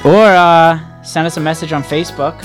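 A man's voice: a little high, steady tone, moderate pace, over music. A man co-hosting a radio show with casual, joking banter.

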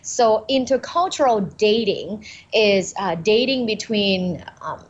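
A woman's voice: mid-range voice, expressive, takes it slowly. Cheerful woman professor from Thailand, lo-fi sound. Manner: cheerful, laughs often, explanatory. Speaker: guest, communication professor. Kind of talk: interview podcast. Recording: dull lo-fi sound.

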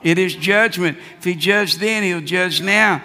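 A man delivers a fiery sermon in the manner of a wrathful prophet, admonishing his listeners. His voice is fairly high and sharp, with emphatic repeated phrases. It rings through a reverberant hall. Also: a little slow. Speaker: preacher. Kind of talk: Bible-exposition sermon. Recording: reverberant hall, long echo.

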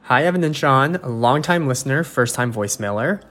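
A man of middle pitch leaves an upbeat voicemail, introducing himself as a longtime listener. Faint music sits underneath. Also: animated, a little fast, fairly bright tone. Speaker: caller leaving a voicemail.

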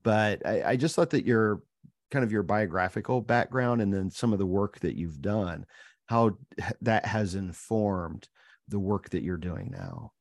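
A man with a very low voice hosts an interview in an earnest, unhurried way. The sound is dry and close, with no room around it. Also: dry recording. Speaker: podcast host.

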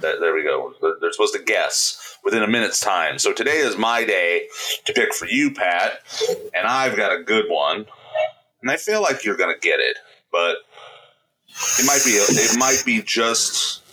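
A man's voice: on the low side, expressive, normal speed, bright, forceful tone, husky, poor audio. A man co-hosting a podcast in casual chat, playful and laughing often as he quizzes his co-host.

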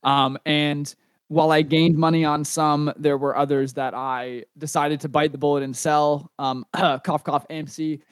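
A young man co-hosting a podcast, chatting casually and relaxed, with a self-deprecating streak. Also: fairly high pitch, a little slow, clean tone, no echo. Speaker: podcast co-host. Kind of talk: casual chat.

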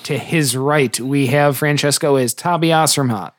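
A man's voice: mid-range voice, normal speed, dry recording, studio quality. A man narrating a tabletop game as podcast host and dungeon master, in a grandiose, joking, theatrical way.

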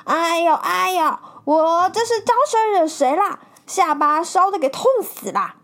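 A woman doing a loud, fussy, complaining man. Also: high-pitched, sing-song, unhurried, voice pushed up, heavily acted. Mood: exasperated. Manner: loud, exclaiming, whiny complaints. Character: impatient boisterous middle-aged man, quick to complain.

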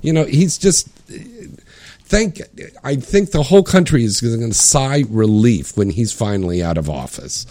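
A man's voice: mid-range voice, animated, unhurried, mellow, dry recording. A man hosting a casual talk show, chatting informally with jokes and swearing. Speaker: radio show host.

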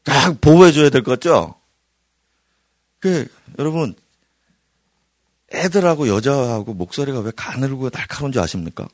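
A man preaching at an evening prayer meeting, his pitch rising and falling with lively energy. He shifts from loud emphatic lines to hushed near-whispers. The recording is dry and close, with little room sound. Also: normal speed, long pauses, dry recording. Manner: animated preaching, swinging between loud bursts and near-whispers. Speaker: pastor. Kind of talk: sermon. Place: church hall.

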